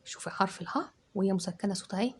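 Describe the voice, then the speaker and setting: Dictating to children, a woman teacher breaks each word into syllables, loud and stretched out, in an Egyptian Arabic accent. She speaks very fast in a husky, mid-range voice.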